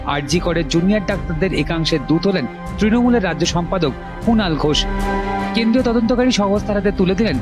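A man reading a scripted news voice-over in a measured, formal way. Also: high voice, expressive. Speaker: news narrator. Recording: voice-over over music bed.

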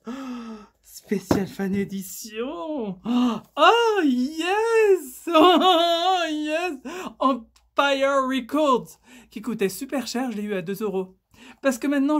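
A woman, chatting in a casual unboxing haul vlog; excitable, swearing often and stumbling over her words. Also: medium pitch. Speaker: vlogger.

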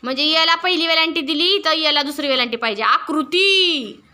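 A woman teaching a classroom lesson, her voice high and very bright. She is middle-aged and keeps turning to the pupils with questions. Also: fast. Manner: asks pupils questions and waits for answers.

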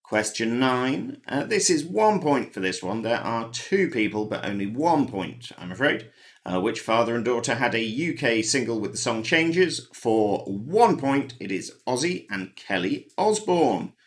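A man's voice: mid-range voice, big pitch swings, a little slow. Dry-witted man reading quiz answers. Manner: dry, wry asides. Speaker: quiz host. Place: home, recorded alone.

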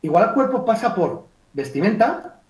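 A man gives a lively online communication workshop, acting out client dialogues and speaking to participants by name. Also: high voice, normal speed. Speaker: communication trainer. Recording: echoey room, distant mic.

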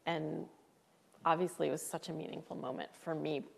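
A woman's voice: sits low, flat delivery, moderate pace, vocal fry, husky, big-room sound. A woman author in a live interview, telling a personal story in a thoughtful, candid and emotional way. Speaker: author guest. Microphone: live stream setup.

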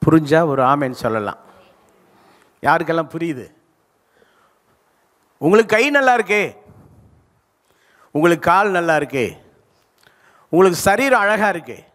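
This older pastor from South India has a fairly high, somewhat bright voice with lively intonation, speaking a little slowly and pausing often. He preaches from a large church stage into a handheld mic, stretching important words and calling for the congregation's answers amid live hall reverb.

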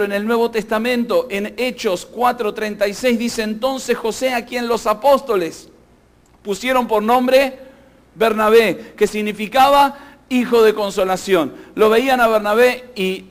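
Male pastor, very high-pitched, emphatic sermon delivery, keeps putting questions to the congregation.

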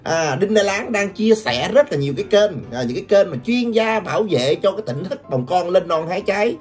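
A woman's voice: mid-range voice, lively intonation, a little fast, darkish tone. An older woman giving taunting gossip commentary, laughing often and constantly addressing her viewers. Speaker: gossip vlogger. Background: background music.

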